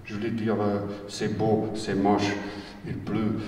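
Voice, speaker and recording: A man with a Bosnian accent tells his stories in a halting way, repeats his words, and slips in wry humor. He is picked up from some distance by the mic. His voice rings out in a large hall with a long reverb. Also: lowish voice, monotone, mellow. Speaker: writer on a panel. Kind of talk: personal storytelling talk. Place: conference hall. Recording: roomy hall, distant mic, faint noise.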